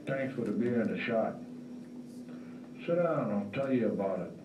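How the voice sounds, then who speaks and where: A man's voice: fairly low pitch, lively intonation, a little mellow, a little hiss or hum, lightly acted. A man playing a weary hardboiled noir detective. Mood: world-weary. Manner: drawling, slow, wry tough-guy delivery. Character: world-weary hardboiled male detective narrator. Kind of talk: film-noir voice-over narration. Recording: roomy, distant, dull lo-fi recording with faint music.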